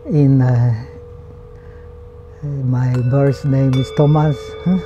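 An older man from the Czech Republic with a Czech accent, a Buddhist monk speaking calmly in a reflective interview and ending his thoughts with a questioning "huh?" or "hmm?". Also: mid-range voice, extremely slow, background noise. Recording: slightly dull sound with flute music behind.

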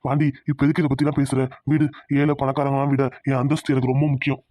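A man's voice: medium pitch, flat delivery, fast, mellow, no echo, lightly acted. A man voicing a proud, stern middle-aged village father in a cartoon, commanding in tone. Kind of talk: cartoon dubbing. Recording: dull lo-fi audio.

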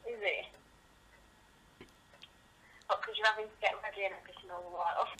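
A woman's voice: mid-range voice, fairly even intonation, fairly quick, crowd noise. A young woman, chatting on a phone call, gossipy and complaining, with plenty of slang. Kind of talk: casual phone chat.

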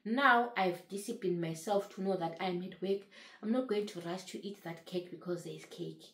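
Gravelly-voiced woman in her thirties, echoey room. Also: medium pitch, normal speed, fairly bright tone. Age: 30s. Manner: earnest, repeats phrases for emphasis. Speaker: vlogger sharing her weight-loss journey. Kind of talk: casual talk to camera.

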